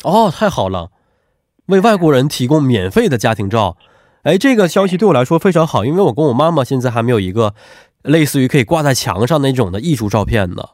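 A man's voice: medium pitch, sing-song, fast, darkish tone, studio quality. A man with a congested, stuffy nose hosting a radio phone interview in a polite, attentive manner. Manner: polite, attentive, echoes answers back. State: allergic rhinitis. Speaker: radio host.

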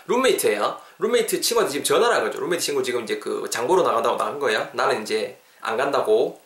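A man's voice: a little high, fairly bright tone, reverberant. A male podcast host giving an English lesson, coaching listeners to repeat phrases after him in an upbeat, encouraging way.

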